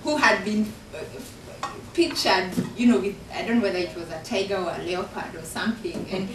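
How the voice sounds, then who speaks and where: Recorded from a distance amid a noisy background, a woman with a Kenyan accent talks earnestly about her book in a university function room full of listeners. She is an author and professor from Kenya, with a mid-range voice at a moderate pace, and the room echoes.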